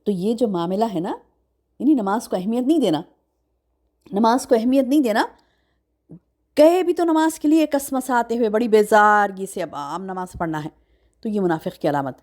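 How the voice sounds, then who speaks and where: A woman's voice: medium pitch, pauses often. A woman teacher giving a religious lecture. She recites Arabic verses, explains them line by line and keeps asking her class questions. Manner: animated, acts out quotes. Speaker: Quran teacher.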